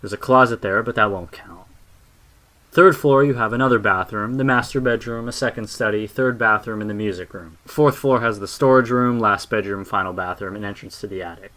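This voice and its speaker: Man, horror story narration, low voice, hushed delivery. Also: brisk.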